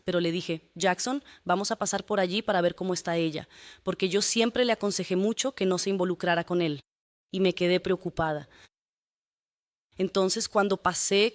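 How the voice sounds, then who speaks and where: A woman's voice: mid-range voice, no room sound. A woman testifying as a defendant in court, giving a long, detailed account and often adding tag questions.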